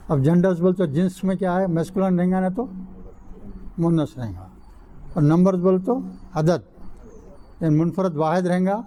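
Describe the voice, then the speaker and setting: A man's voice: on the high side, mellow, a little hiss or hum. Older man teaching Arabic grammar. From India. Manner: quizzes the class with repeated questions; mixes in English terms. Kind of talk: classroom lecture. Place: mosque classroom.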